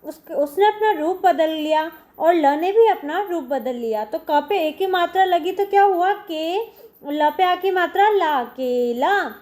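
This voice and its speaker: An expressive, unhurried voice with an extremely high pitch and darkish tone belongs to a primary school teacher with an Indian Hindi accent. She patiently spells out sounds one at a time for the children, often calling out "dekho."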